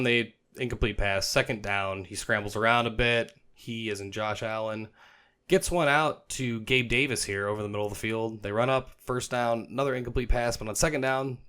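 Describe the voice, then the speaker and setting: A young man narrating football clips as a comic voice-over host, joking and dropping into quick silly voices for the players. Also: mid-range voice, fairly bright tone, smooth. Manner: jokey, puts on players' voices in quick asides.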